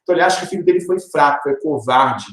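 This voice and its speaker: A man's voice: on the high side, expressive, racing, fairly bright tone. A male literature teacher, giving a recorded video lesson in an explanatory way and tagging his points with rhetorical questions. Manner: explanatory, tags lines with rhetorical "né?". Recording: roomy echoey room.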